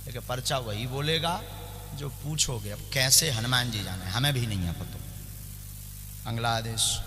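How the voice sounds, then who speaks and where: A man's voice: medium pitch, a little slow, sharp tone, in a large hall, a little hiss or hum. A man leading a religious court session, bluntly directing the devotees before him. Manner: commanding, directs the crowd bluntly. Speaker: spiritual leader addressing devotees.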